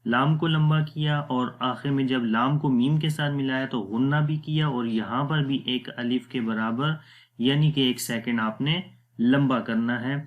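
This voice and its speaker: A man's voice: mid-range voice, steady tone, narrow, tinny audio. A man teaching Quran reading rules, explaining each step patiently and repeating them plainly. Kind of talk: step-by-step tajweed lesson.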